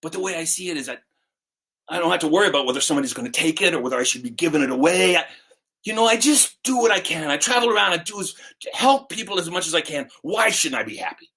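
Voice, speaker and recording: A man's voice: fairly high pitch, big pitch swings, fast talker, sharp tone. A man voicing a cheerful, carefree beggar man in a spoken folk tale, teasing and laughing. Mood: easygoing.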